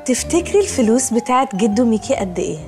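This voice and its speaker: A woman's voice: on the high side, sing-song, quick pace, music in the background. An actress with an Egyptian accent playing a fussy, pretentious young woman who sprinkles English words into her speech. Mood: snooty. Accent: Egyptian Arabic. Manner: snooty, mixes in English words. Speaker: sitcom character. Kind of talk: sitcom acting.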